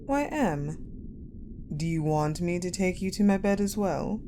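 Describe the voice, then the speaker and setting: A woman with a lowish voice plays a cold, guarded, possessive war general in a dramatic audio roleplay, lightly acted. She speaks in a measured, haughty, pensive way with deliberate pauses, her mood dry and guarded, over a clearly noisy ambient sound bed.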